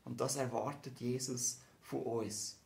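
A young man preaching a sermon in standard German with a Swiss accent, talking in a lively way and often tagging on rhetorical questions. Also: medium pitch, a little slow, gravelly. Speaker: pastor. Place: church hall. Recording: echoey church room.

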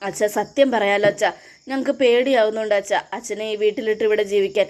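A woman's voice: mid-range voice, fast, darkish tone, natural voice. A woman voicing a frightened young daughter pleading with her father. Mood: hurt.

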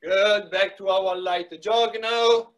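This soccer fitness coach, a middle-aged man, runs a live workout with short, repeated instructions and words of encouragement. He speaks slowly in a high, steady voice. The sound is captured by a device mic a few metres away inside a small wood-panelled room.

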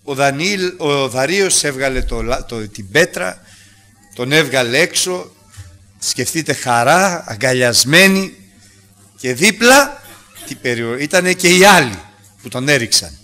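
Guy preaching a bible lesson, bright lively voice, goes loud then drops to almost nothing. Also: medium pitch, faint music behind. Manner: animated, swings from loud acted quotes to soft asides. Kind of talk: Bible-study sermon. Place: church hall without a microphone.

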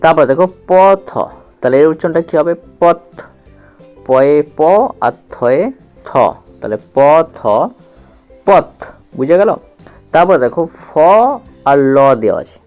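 A man with a slightly high voice teaches children to read, slowly and patiently. He sounds out each letter, repeats the syllables and keeps checking that the listener follows. Soft music plays faintly behind him. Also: expressive, clean tone. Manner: asks the listener questions. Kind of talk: slow patient reading lesson for children.

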